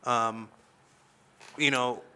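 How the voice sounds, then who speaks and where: A man's voice: mid-range voice, steady tone, drawn-out words, sharp tone, a little hiss or hum. A man co-hosting a casual podcast chat, talking loosely with lots of fillers. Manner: chatty, lots of fillers like "dude". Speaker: podcast co-host.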